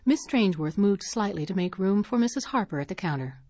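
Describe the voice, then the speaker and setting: Breathy woman reading a story aloud. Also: medium pitch, expressive, brisk, a little mellow, no room sound, clean studio sound. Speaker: narrator.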